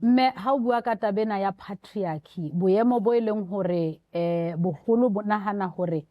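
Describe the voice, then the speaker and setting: A woman's voice: mid-range voice, normal speed, no room sound, dull audio. A woman with a South African Sotho accent, presenting and interviewing as a talk show host.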